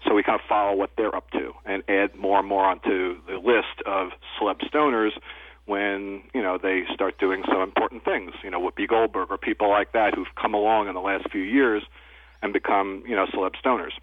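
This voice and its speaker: A man comes through over the phone, his lowish voice squeezed thin by a tinny phone line. He is a guest on a radio show and chats in an easygoing way. He strings his points together in loose lists. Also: steady tone, moderate pace, no room sound. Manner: easygoing, talks in loose lists with "you know". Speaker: guest, cannabis journalist and editor. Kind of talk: casual radio interview.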